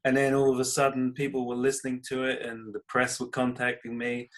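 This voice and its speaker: A British comedy writer and creator, appearing as a podcast guest, explains things conversationally in a casual interview, coming across as modest and self-deprecating. His mid-pitched voice is monotone, brisk and a bit bright.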